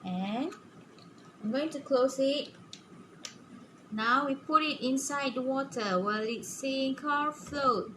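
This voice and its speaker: A woman with a fairly high voice speaks very slowly in a kids show host manner, guiding young children through a simple demonstration. Her delivery is halting, with frequent little check-in questions. The recording has clear background noise. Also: a bit bright. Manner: halting, often punctuated with "okay?". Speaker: preschool science teacher presenting a demonstration. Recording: clearly noisy room recording.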